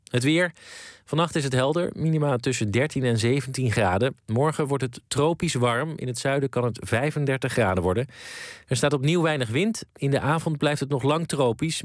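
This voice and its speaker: A man reading a scripted radio news bulletin in a steady, measured way. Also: medium pitch, no room sound, clean studio sound. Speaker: newsreader. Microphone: studio microphone.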